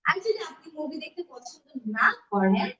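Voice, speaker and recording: A high-voiced woman teaches English on a live stream, mixing with slow, careful English. Her voice sits back from the mic in an echoey room, with faint background noise. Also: sing-song, sharp tone. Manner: switches between Bengali and slow deliberate English. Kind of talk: live-streamed language lesson. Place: room at home. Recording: echoey, distant, dull home mic.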